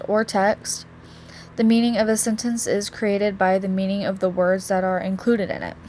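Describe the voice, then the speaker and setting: A woman's voice: mid-range voice, a little mellow, slight background noise. Casual young woman presenting for class. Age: young adult. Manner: casual, with many likes and restarts. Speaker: student presenter.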